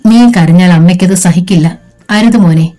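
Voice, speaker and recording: A woman's voice: fairly low pitch, moderate pace, warm tone, faint music behind, lightly acted. A woman voicing a grieving middle-aged mother in an audiobook, speaking tenderly and pleadingly to her son.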